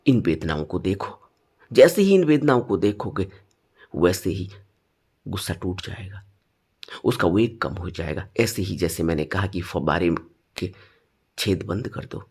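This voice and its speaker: A man teaching meditation in a spoken dharma talk, stressing points with sudden rises and then dropping low. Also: expressive, a little slow, long pauses, a little mellow, breathy edge.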